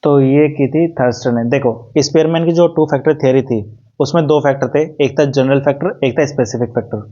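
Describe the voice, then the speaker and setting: A man teaching exam preparation, reading English questions slowly and explaining each answer step by step. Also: mid-range voice, mellow, highs cut off. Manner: reads English questions slowly, explains in Hindi with "ठीक है" and "देखो".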